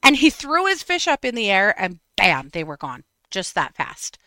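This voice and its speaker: Woman in her 50s, host, bright lively read, chatty storyteller who breaks into laughs. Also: medium pitch, moderate pace, no room sound. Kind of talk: casual storytelling chat.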